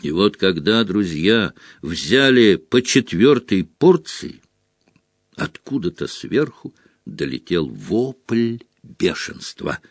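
A man narrating an audiobook with an expressive reading. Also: low voice, slow pace, no room sound, studio quality. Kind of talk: scripted narration.

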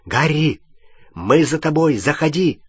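A man voicing an anxious young wizard who talks in hurried, breathless bursts. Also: on the high side, lively intonation, breathy edge, no echo.

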